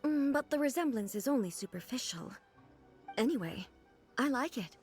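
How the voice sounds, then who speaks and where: A calm regal goddess ruler. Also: female voice, sits high, soft background music. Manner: calm, formal, measured. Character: composed divine woman ruler, regal and curious. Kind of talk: game cutscene voice acting.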